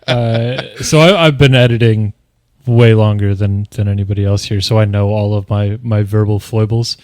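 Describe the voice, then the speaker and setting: A man in casual conversation, speaking deliberately with small pauses inside his sentences. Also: fairly low pitch, fairly even intonation, darkish tone, dry recording. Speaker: podcast cast member and audio editor. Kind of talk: casual chat.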